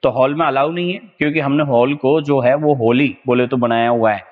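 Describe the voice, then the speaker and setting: A man's voice: mid-range voice, fairly even intonation, fairly quick. Indian man, exam vocab teacher, lo-fi with long reverb, keeps checking students follow. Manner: drills words, keeps asking "is that clear?". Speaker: exam-prep English teacher. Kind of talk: online vocabulary lesson.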